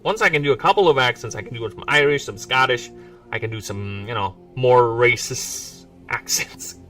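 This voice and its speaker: A man's voice: medium pitch, normal speed, fairly bright tone. A man in his forties from the Philippines with a mixed English accent, rambling and joking on a casual livestream. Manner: joking, rambling, self-mocking asides. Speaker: indie game developer streaming. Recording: distant mic with faint music. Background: faint background music.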